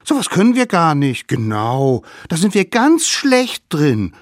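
A man voicing a band of hungry, cheeky little cave children who speak in high, whiny, excited tones. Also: measured pace, dry recording, studio quality. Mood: whiny, pleading.

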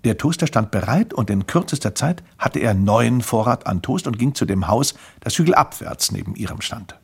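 Male storybook narrator, gravelly and husky, very lively pitch. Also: normal speed. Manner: lively, expressive reading. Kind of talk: storybook reading.

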